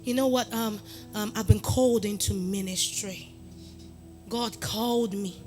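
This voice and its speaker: A woman with a Nigerian accent giving a lively motivational talk, switching between Pidgin and English and rising to loud, emphatic peaks. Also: mid-range voice, a little slow, soft background music. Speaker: motivational speaker.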